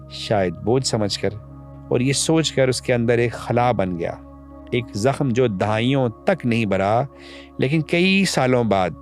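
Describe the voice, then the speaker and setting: A man narrating a tragic story in a solemn, emotional storytelling manner. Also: mid-range voice. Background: faint background music.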